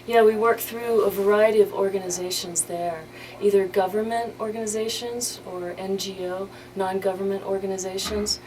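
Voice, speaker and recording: Here a woman chats as a charity organizer during a radio guest interview, using a mid-range voice with a steady tone at a moderate pace. The recording is clearly noisy.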